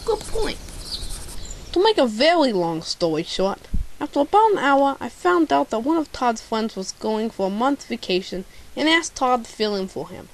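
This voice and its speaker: A young-sounding amateur actor, medium-pitched and sing-song at a moderate pace, plays a bumbling, pompous male private eye in a radio drama, all theatrical self-importance as he questions pompously. It's detective narration and dialogue from an amateur radio drama, captured in a hissy, noisy home recording.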